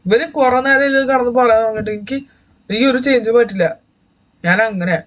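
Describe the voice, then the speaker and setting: A man's voice: very high-pitched, brisk, a bit bright, muffled recording. A young man and YouTube gamer giving chatty, joking let's-play commentary, talking to his viewers as guys.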